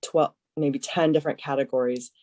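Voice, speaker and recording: A woman committee member on a video call, making a suggestion haltingly with many fillers. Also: a bass voice, steady tone, mellow, dry recording.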